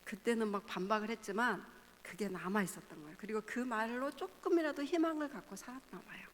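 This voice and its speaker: A woman in her fifties, a pastor's wife, giving a parenting seminar at church. She speaks in an animated way, often acting out the lines she quotes and laughing as she talks. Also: a little high, brisk, slight background noise. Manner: animated, acts out quoted dialogue. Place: church hall. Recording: long hall reverb.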